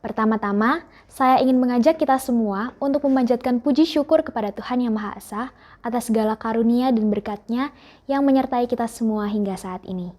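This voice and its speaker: A woman's voice: fairly high pitch, fairly quick, darkish tone. Earnest teenage girl giving a speech. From Indonesia. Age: teens. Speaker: student speaker. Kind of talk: formal farewell speech.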